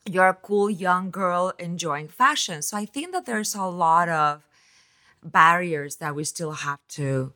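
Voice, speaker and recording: Low-voiced woman podcast host. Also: animated, measured pace, bright, forceful tone. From Spain. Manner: talkative, rambling with restarts. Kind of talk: conversational podcast interview.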